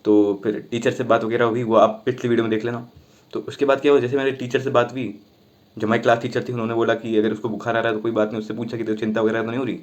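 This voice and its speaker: Young man, casual storytelling, quick pace, mid-pitched voice, acts out the dialogue. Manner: chatty, animated retelling with quoted dialogue.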